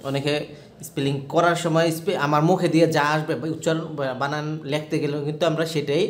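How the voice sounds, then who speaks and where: A man's voice: on the high side, little pitch movement, fast talker, reverberant. A man teaching an English spelling lesson, spelling the letters one by one and repeating words.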